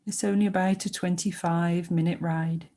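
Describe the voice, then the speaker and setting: A woman guides a sleep meditation with soothing narration, speaking gently and without hurry, pausing between short phrases. Her voice is fairly low and her intonation fairly even.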